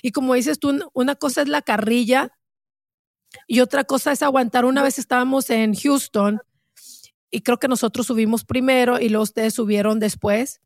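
A woman host in her forties with a raised, gravelly voice and a dry, close sound. She talks with open emotion in casual chat, mixing English into her Spanish and cursing. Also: fairly high pitch, steady tone, normal speed, no room sound. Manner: emotional, code-switches into English, swears. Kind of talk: casual podcast conversation.

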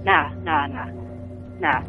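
A woman's voice: sits low, moderate pace, phone-quality sound. A woman with an Argentine accent telling a true ghost story as a guest, earnest and emphatic, repeating key phrases. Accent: Argentine Spanish.

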